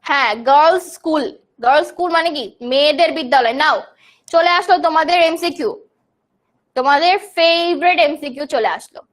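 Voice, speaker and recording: A woman's voice: high-pitched, a little fast. A young woman from Bangladesh teaching a live online grammar class, explaining terms and answering students' chat questions.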